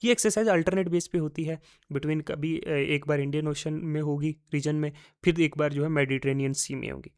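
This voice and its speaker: A man gives an exam-prep lecture in a chatty, classroom way, with terms. His voice sits a little high for a man. He repeats the key words and poses his own quiz questions before answering them. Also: fairly even intonation, brisk, darkish tone, clear, resonant tone. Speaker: teacher.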